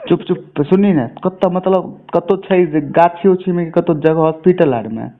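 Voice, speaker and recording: On a tinny, narrowband phone recording, a man with a Bihari accent from Mithila talks informally and swears often in a coarse way. His voice is fairly high in pitch and comes at normal speed.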